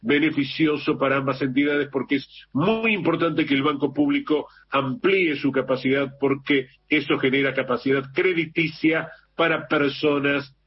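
A man's voice: medium pitch, moderate pace, hardly any pauses. An Argentine man presents the early morning news in a radio studio, loose and chatty, circling back to repeat himself. The broadcast sound is a little muffled, with a faint hiss underneath. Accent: Argentine Spanish. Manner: relaxed, repeats and corrects himself, chatty asides.

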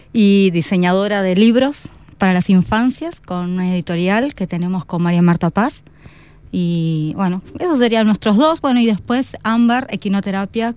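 A woman, a teacher and book designer, talking as a guest in a radio interview, pausing often to find her words. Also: fairly low pitch, warm tone, smooth. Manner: thoughtful, searching for words with pauses.

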